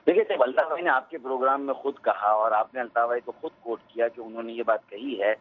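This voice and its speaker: A male politician on a phone line, arguing his point insistently and talking over the host. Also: mid-range voice.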